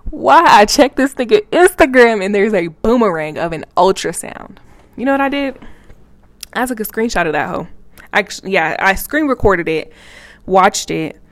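A woman's voice: medium pitch, animated, normal speed, dry recording. A woman in her twenties telling a personal story to camera in a blunt, profane, laughing way. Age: 20s. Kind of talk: casual storytime vlog.

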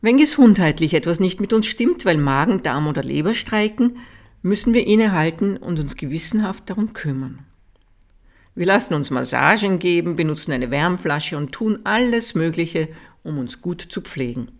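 A calm reader giving a measured audiobook reading of a Buddhist teaching text, softening at key sentences. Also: mid-range voice.

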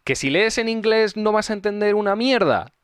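A man's voice: sits high, lively intonation, moderate pace, clean tone, no room sound, clean studio sound. A man with a Castilian Spanish accent co-hosting a talk show in casual banter, with an irreverent, crude, joking manner. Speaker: co-host of a film talk show.

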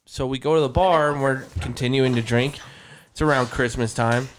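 A man on a casual podcast telling a long story. He talks in a rambling, profane way, packed with "like" and "you know", and mimics other people in quick asides. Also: medium pitch, steady tone, a little hiss or hum.

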